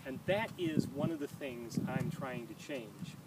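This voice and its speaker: A man's voice: mid-range voice, huge pitch swings, gravelly. 60-something man talking outdoors, distant mic. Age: 60s. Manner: earnest, measured, with frequent "uh" pauses. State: talking while walking backward. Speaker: founder of a peace walking movement. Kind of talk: monologue while walking outdoors. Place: outdoor running track by traffic. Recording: distant outdoor mic with loud traffic noise.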